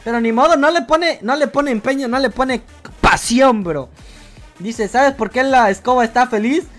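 Streamer host: Guatemalan woman, high pitched, playful teasing chat reader, soft music under her. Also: normal speed. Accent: Guatemalan Spanish. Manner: playful, teasing, keeps saying "bro". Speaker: livestream host. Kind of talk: casual livestream chat reading viewer jokes.

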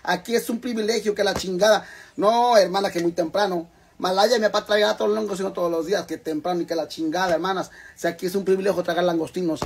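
On a cooking live stream, a man with a Mexican Spanish accent chats casually and rowdily, swearing freely and calling his viewers "hermanas." His voice sits high with fairly even intonation, and he talks fast with a creaky, slightly rough quality.

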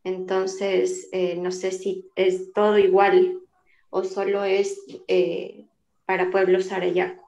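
Woman, hesitant student, monotone and gravelly, echoey lo-fi call. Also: mid-range voice, slow pace. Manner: thoughtful, hesitant. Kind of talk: asking questions in an online class. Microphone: video call.

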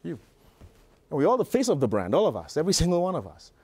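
A middle-aged man giving a motivational business talk to a live audience, telling a story in a lively, conversational way. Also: a little high, fast talker, slightly rough. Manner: animated, conversational storyteller with frequent "you know". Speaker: business speaker. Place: live presentation before an audience.

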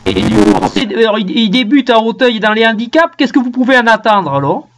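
A man's voice: sits high, very animated, a little fast, a bit bright. A man interviewing a horse trainer, asking leading questions and giving short acknowledgements. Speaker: racing interviewer. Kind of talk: radio interview.

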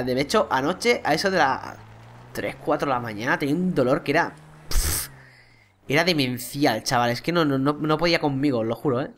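Chatty Spanish-accented man playing a game. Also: a little high. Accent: Spain Spanish. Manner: chatty, excitable, swears casually, talks to viewers. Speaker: gaming YouTuber. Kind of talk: let's play commentary.

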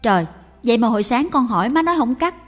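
A woman reading aloud and voicing an adult daughter who talks higher and quicker, eager and pleading. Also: expressive. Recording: reverberant with faint music.

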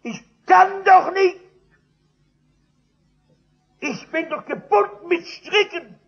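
Drunkard man, despairing, pleading, high cracking voice, husky, acted by an older preacher. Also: slow pace, exaggerated voice. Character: despairing male drunkard, bound by habit. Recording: dull lo-fi archive recording.

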